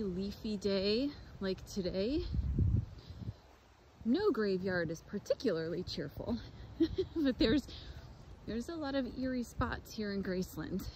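A woman's voice: mid-range voice, low-quality recording. A woman giving a casual walking tour outdoors, chatting to her viewers as she films on a phone. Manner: chatty, addresses viewers as "guys". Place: outdoors in a cemetery on a windy day. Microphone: phone camera held while walking. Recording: loud wind and outdoor noise.

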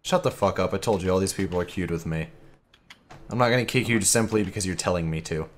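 A man streaming a shooter game, swearing loudly, yelling and laughing as he plays. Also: low voice, fast talker, music in the background. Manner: loud, profane, yelling and laughing often. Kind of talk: casual livestream gaming chat.

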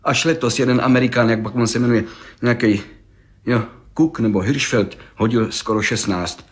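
A man voicing an excitable, boastful middle-aged village gendarme who tells his tale in an eager, rambling rush. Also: mid-range voice, close to an everyday voice. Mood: excited. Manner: rambling, eager, breathless storytelling. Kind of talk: audiobook reading.

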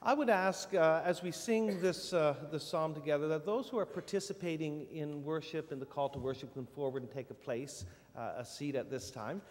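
A man giving casual church announcements from the front of a sanctuary, halting with many fillers. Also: on the high side. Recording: long reverb in a church hall.

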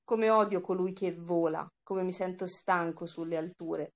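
A troubled young man pours out an earnest confession of envy and loneliness, read aloud by a woman. The voice sits slightly low and keeps a steady reading pace, in the manner of a storybook reading. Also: normal speed, close to an everyday voice. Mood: anguished.

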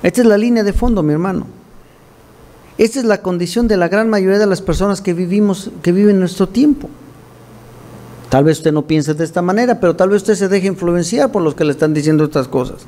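A man's voice: sits high, brisk, dark tone. A male pastor preaching a sermon in a church, earnest and direct, often calling listeners "my brother" and adding wry asides.

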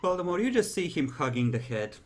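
A man's voice: fairly high pitch, sing-song, brisk. A man narrating a tabletop roleplaying game as game master, addressing players and describing scenes.

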